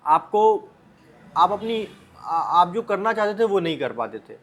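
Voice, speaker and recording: Very animated, unhurried and a bit bright, this Indian vlogger's notably high voice carries informal motivational advice aimed at the viewer. He's blunt and direct, frequently repeating himself and posing rhetorical questions.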